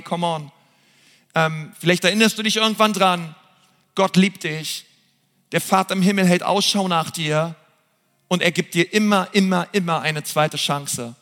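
Man, pastor, sermon, bright forceful voice, reverberant church hall, soft music behind. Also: sits high. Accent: German. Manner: earnest, direct address to listeners, frequent fillers.

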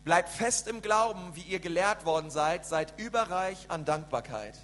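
A man hosting and interpreting a church sermon live, animated, with frequent fillers and restarts. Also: high-pitched, moderate pace. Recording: echoey church hall with hum.

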